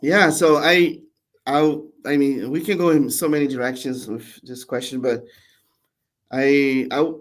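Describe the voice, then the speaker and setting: A man in his forties from Brazil, a podcast guest telling his story in a relaxed, chatty way with frequent restarts and laughs. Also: medium pitch, measured pace. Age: 40s. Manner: warm, laughing, many restarts and repeated words. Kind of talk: casual storytelling interview.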